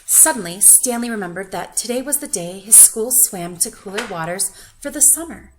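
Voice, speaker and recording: A woman reading a children's picture book aloud expressively, with questioning asides to young listeners and drawn-out emphasis. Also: mid-range voice, expressive, a little hiss or hum, poor audio. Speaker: children's story reader.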